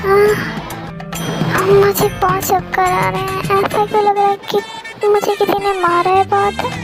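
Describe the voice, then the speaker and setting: A woman's voice: level tone, poor audio. A woman voicing a feisty, sassy young woman who snaps and threatens, in a fan dub with music underneath. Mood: bewildered. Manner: sassy, shrill, quick to threaten. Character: feisty young woman stuck in a man's body.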